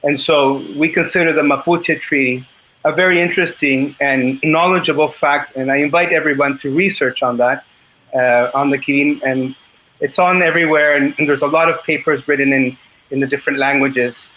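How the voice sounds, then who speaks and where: A Chilean man in his fifties, a native Spanish speaker, speaking as a guest on a group call in a halting way and often clearing his throat. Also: fairly high pitch, fairly even intonation. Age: 50s. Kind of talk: earnest talk on a call. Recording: dull lo-fi call audio.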